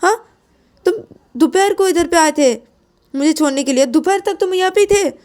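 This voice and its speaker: Shrill scolding young woman, rapid questions, voiced by a woman storyteller. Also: a little mellow.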